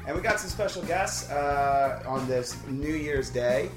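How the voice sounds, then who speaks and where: A man's voice: on the high side, a little slow, music in the background. A man hosting a casual podcast chat with a group, recorded in a living room. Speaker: podcast host. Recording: echoey living room, away from mic.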